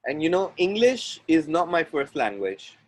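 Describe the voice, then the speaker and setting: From outdoors near the ocean, a man from India with an Indian accent facilitates an online group call. His sing-song voice sits on the high side as he guides listeners through clearing phrases in deliberate, chant-like repetitions.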